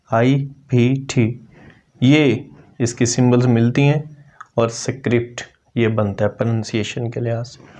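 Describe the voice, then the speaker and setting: A man teaching English pronunciation, slowly repeating each word so learners can copy it. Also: medium pitch, a little mellow. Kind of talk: pronunciation lesson.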